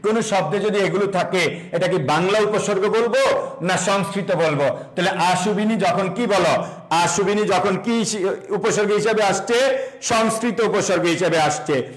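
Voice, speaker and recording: A man's voice: high voice, moderate pace. A young man with a Bangladeshi Bengali accent teaching a live online admission-prep lecture, asking questions and answering them himself, with English words mixed in. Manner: call-and-response drilling, repeats questions and answers them himself; mixes English words into speech. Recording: echoey room.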